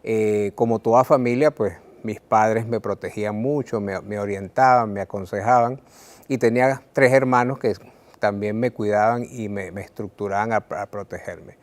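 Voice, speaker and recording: A Venezuelan man, a writer, speaking earnestly and reflectively to the viewer about his life, with frequent "eh" pauses and repeated words. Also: fairly low pitch, fairly even intonation. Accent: Venezuelan Spanish. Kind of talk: reflective personal talk to camera.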